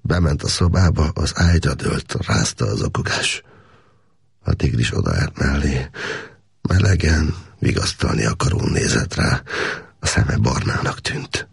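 Very deep, gravelly male narrator. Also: big pitch swings, no room sound, clean studio sound. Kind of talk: audiobook narration.

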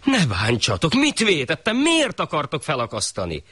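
A man's voice: on the high side, sing-song, fairly bright tone, no room sound, voice pushed up. A man voicing a small poor porter, pleading, raised nervous voice, storybook.

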